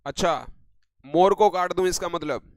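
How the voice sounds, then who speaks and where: भारतीय लहजे वाला एक पुरुष अंग्रेज़ी शिक्षक लाइव ऑनलाइन क्लास में व्याकरण समझाता है और दर्शकों को "बेटे" और "भाई" कहकर पुकारता है।. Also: male voice, sits high, no echo. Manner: addresses viewers as beta and bhai, reads sentences slowly. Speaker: English grammar teacher. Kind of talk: live online lesson.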